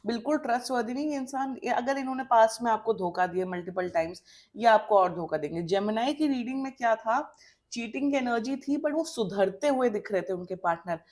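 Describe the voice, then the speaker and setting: A woman with a fairly high voice reads tarot cards in a blunt, scolding way. She fires off emphatic warnings and slips between Hindi and English mid-sentence. She is from India. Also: lively intonation, brisk, a little mellow. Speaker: tarot reader. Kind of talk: tarot reading monologue to camera.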